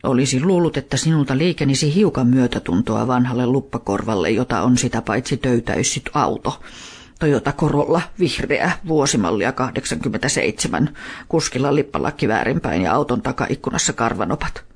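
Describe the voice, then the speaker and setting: A touchy old talking dog from a storybook, grumbling out dry complaints in a husky, airy voice, as a man reads him. The tone stays close to a plain reading voice at an ordinary pitch. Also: lively intonation.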